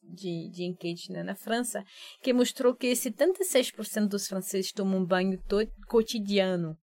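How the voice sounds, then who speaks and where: A woman's voice: mid-range voice, normal speed, darkish tone, no echo. Brazilian woman co-hosting, dry close sound. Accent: Brazilian Portuguese. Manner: explanatory, lists examples. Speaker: podcast co-host. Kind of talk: casual educational podcast chat.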